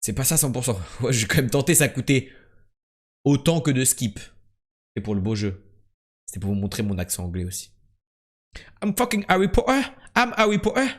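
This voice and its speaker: A young man streaming quiz games live, chatting casually and joking, jumping between loud bursts and low mumbles. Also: brisk, long pauses.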